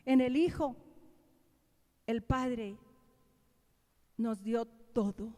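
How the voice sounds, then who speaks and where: A woman's voice: fairly high pitch, extremely slow, dark tone. A woman from Colombia, a pastor, preaching a sermon in church, asking the congregation questions and repeating key lines. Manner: preaching with call-and-response questions and repeated refrains. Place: church sanctuary. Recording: long reverb of a church hall.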